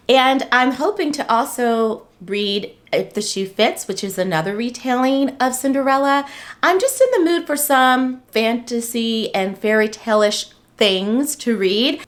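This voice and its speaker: A middle-aged woman hosts her own book vlog in a chatty, expressive manner. Her dental aligners give her a slight lisp. She talks in a somewhat high voice with a very lively rise and fall. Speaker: book vlogger. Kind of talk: casual vlog chat.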